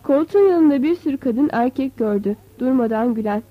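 A woman reads a novel aloud in a measured, expressive way. Her voice is high, and the recording sounds dry and a little dull, as if on modest gear. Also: dry recording. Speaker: narrator. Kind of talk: audiobook novel reading. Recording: dull, slightly lo-fi.

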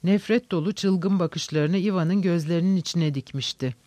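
A man narrating a novel in a steady, measured reading. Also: sits high, no echo.

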